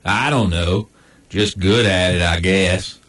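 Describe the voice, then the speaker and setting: A man voicing a laid-back male cowboy hound dog with a slow, folksy drawl. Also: deep voice, fairly bright tone, voice pushed down. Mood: easygoing. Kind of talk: comic voice acting.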